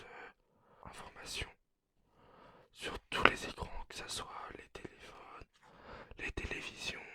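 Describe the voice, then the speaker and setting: Man playing whispering masked apocalypse survivor, anxious role-play. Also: bright, forceful tone. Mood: concerned, cautious. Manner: muffled, speaking through a face mask; hesitant, halting storytelling.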